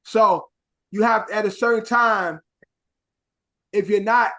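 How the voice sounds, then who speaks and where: High-voiced man rambling casually. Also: steady tone, slow, sharp tone. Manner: rambling, loose and profane. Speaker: podcast co-host. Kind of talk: casual chat.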